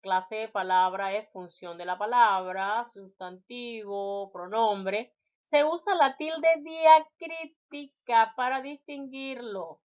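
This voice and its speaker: A woman's voice: fairly high pitch, slow pace, dull audio. A woman teacher giving a spelling lecture, reading out word lists and addressing her students directly.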